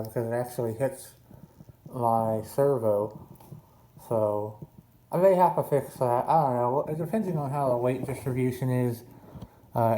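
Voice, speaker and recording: A man's voice: medium pitch, mellow, slight background noise, low-quality recording. A man talking casually in a hobby vlog, his articulation thick and slurred from a swollen tongue. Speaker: RC boat hobbyist showing a build.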